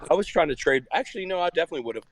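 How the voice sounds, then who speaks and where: A man's voice: a little high, lively intonation, racing, creaky, slight background noise, poor audio. A man in casual chat as a podcast co-host, his voice cutting out over a bad call connection, loose and rambling with frequent restarts. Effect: breaking up over a bad call connection.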